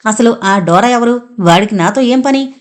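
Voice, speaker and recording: A woman's voice: fairly high pitch, moderate pace, natural voice. A woman voicing a frightened, angry young husband who fires urgent questions in an audiobook novel.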